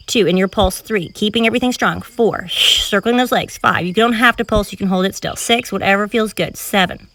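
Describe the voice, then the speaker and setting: A woman's voice: medium pitch, sharp tone, dry recording, distant mic. A woman leading a home cardio workout, counting reps and cueing moves while exercising, slightly out of breath. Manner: encouraging, counts reps aloud while moving. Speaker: fitness instructor. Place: filmed outdoors in public.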